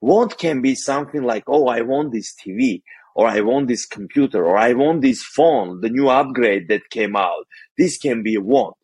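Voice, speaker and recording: This financial coach from Armenia, a guest on an interview podcast, lays out money advice carefully, his Armenian accent showing in some non-native phrasing. His mid-range voice moves at a moderate pace, darkish and husky, with no room sound.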